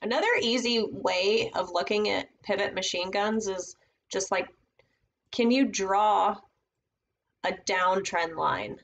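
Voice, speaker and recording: A woman's voice: medium pitch, takes it slowly, a bit bright. A woman casually teaching trading setups on a live stream, thinking aloud as she marks up charts at her computer. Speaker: trading educator.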